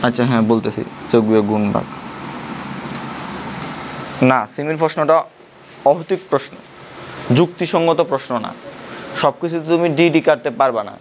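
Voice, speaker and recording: High-voiced man tutoring in class. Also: moderate pace, pauses often, a little hiss or hum. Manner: questioning students, repeating points. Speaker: physics tutor. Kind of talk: classroom lecture.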